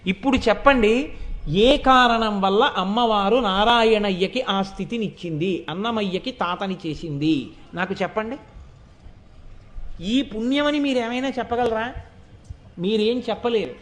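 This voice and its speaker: A man giving an animated devotional storytelling discourse, asking the listeners rhetorical questions. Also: high voice, measured pace. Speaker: devotional speaker.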